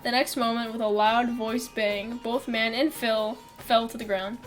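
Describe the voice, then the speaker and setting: A woman's voice: fairly high pitch, flat delivery, unhurried, faint music behind. A woman streamer reading a visual novel aloud, laughing and swearing between lines.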